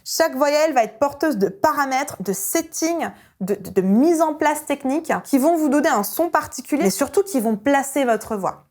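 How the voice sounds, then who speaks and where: A young adult woman vocal coach gives an online singing lesson. She talks in an energetic, emphatic way and breaks into short sung vowel demonstrations. Her speaking voice sits somewhat high. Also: moderate pace.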